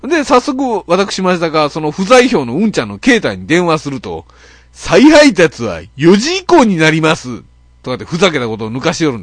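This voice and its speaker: A man with an Okayama Japanese accent hosts a casual net radio monologue. His voice sits a bit high and swings all over the place as he tells his stories. He talks in a grumbling, self-mocking way, full of fillers, and the sound is close and dry. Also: no echo. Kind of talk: casual monologue, comic storytelling.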